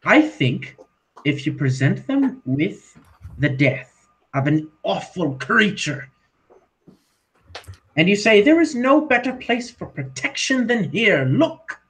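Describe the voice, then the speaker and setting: A man's voice: high-pitched, big pitch swings, slow pace, pauses often, a bit bright, pitched above the performer's own voice, heavily acted, low-quality recording. A man voicing a theatrical, scheming doctor in a tabletop game, speaking in a grandiose, showman-like way.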